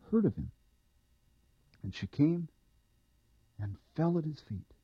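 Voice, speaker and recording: A man giving a slow, expressive scripture reading. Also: slightly rough, dry recording, dull audio. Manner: slow expressive reading with wide pitch swings. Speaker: reader.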